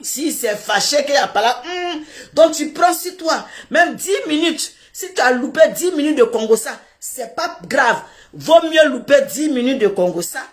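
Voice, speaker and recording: A woman, telling a comic story and acting out little scenes while laughing through her words. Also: high voice. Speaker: social media commentator.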